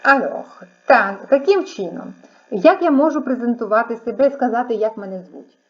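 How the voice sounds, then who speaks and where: A woman's voice: on the high side, expressive, moderate pace. A woman teaching French, explaining patiently and repeating each word so students can follow. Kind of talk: online language lesson. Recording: dull lo-fi sound.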